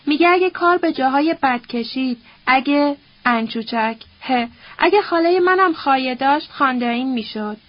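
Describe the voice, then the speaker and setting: A woman's voice: high voice, animated, no echo, dull audio. A woman voicing a bitter, scornful old nobleman who curses and quotes proverbs in a sneering, coarse, grumbling way.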